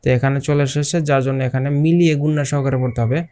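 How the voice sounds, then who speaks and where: A man teaching Quran recitation step by step, asking questions and then answering them, and drawing out example words slowly. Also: mid-range voice, steady tone, dark tone. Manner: explains patiently, asks questions and answers them himself. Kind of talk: step-by-step tajweed lesson.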